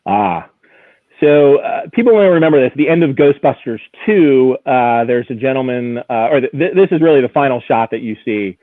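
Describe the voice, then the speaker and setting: On a live show, a man previews collectibles with animated, enthusiastic expert commentary in a relaxed, conversational tone; he's an auction house executive there as a guest expert. His mid-range voice keeps a normal pace, and the audio is dry, narrow and radio-like, almost phone quality.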